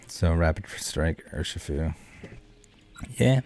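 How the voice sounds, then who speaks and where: Chatting casually with viewers as he hosts a live card game stream, this man rambles, jokes, and keeps things laid-back. His low voice is animated yet slow, with a somewhat dark tone, and music runs underneath him.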